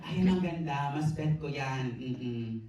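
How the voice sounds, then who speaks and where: A Filipino woman doing live stand-up, teasing the crowd with brash, quick banter. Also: rumbling low, warm tone, lo-fi sound. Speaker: stand-up comedian host. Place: packed live venue with audience. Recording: echoey venue, crowd noise, distant mic.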